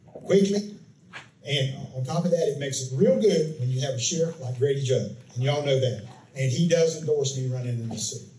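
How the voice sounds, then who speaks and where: An older man and incumbent county commissioner from Polk County, Florida, USA, speaks with a Southern US accent at a candidate forum in a club meeting room, giving campaign remarks and forum answers in a folksy, rambling style full of fillers and restarts. His voice is dark, medium-pitched, and at normal speed. The room echoes, the mic is distant, and there's some noise.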